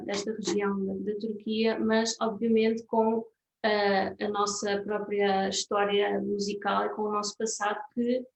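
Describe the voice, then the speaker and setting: A woman from Portugal, a musician interpreting at a talk, speaking haltingly with many fillers. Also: mid-range voice, creaky. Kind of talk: translating for a guest at a festival talk. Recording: roomy, distant, faint hiss.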